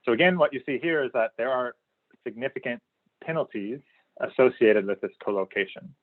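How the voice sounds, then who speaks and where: A man's voice: mid-range voice, animated, fairly quick. Man presenting a webinar over tinny audio. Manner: explanatory, frequent fillers and restarts. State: losing his voice a little. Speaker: researcher presenting a study.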